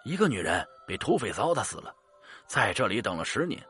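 A man's voice: lowish voice, big pitch swings, a little fast, fairly bright tone, breathy edge, faint music behind, heavily acted. A man voicing a timid young ferryman who talks eagerly and pleads anxiously. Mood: frightened.

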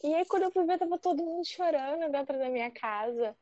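A woman from Rio de Janeiro, telling a personal story in a lively, animated way and acting out the quotes. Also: high voice, quick pace, dry recording, highs cut off. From Rio de Janeiro, Brazil. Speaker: guest storyteller.

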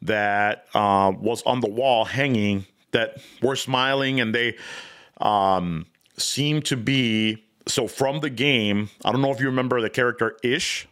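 A man's voice: mid-range voice, a little slow, fairly bright tone, clear, resonant tone. A man co-hosting a casual review podcast, rambling with many fillers and restarts. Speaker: podcast co-host.

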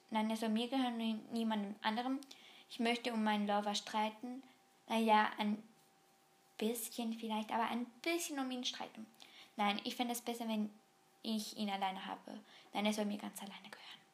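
A woman with a slightly raised voice talks through an online quiz in a loose, casual way. She hesitates, restarts and fills pauses as she thinks aloud. When the text gets long she skims it with a quick murmur. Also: fairly high pitch. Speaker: vlogger taking an online quiz. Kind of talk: casual chat reading quiz questions aloud.

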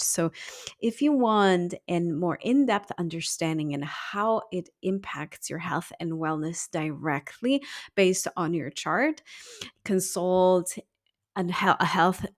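A woman's voice: fairly low pitch, expressive, takes it slowly. A woman talking casually to her audience as an astrologer host, explaining things in an informal way. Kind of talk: casual explanatory talk to viewers.

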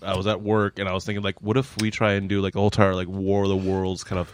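A man's voice: low-pitched, completely flat delivery, fast talker, a little hiss or hum. A man co-hosting a podcast in casual chat, blunt and swearing casually. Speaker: podcast co-host.

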